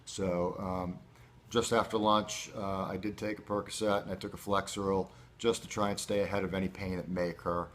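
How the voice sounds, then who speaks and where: A man with a low voice talks casually to viewers as a patient giving a recovery update. His delivery is measured and matter-of-fact, with halting phrasing. Faint noise sits behind the home-style recording. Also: level tone, a bit bright. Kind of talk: casual first-person vlog.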